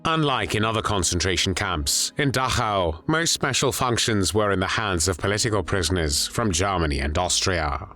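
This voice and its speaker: A man reading scripted documentary narration in a grave, measured way. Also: low-pitched, animated, pushed and bright. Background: faint music.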